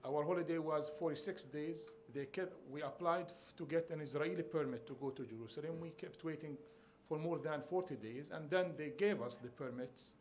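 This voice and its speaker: A man from Bethlehem speaks at a conference panel, recounting a family story in an earnest, gently humorous way. His voice sits a little high for a man. A faint hum of background noise runs under the recording. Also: moderate pace, hardly any pauses.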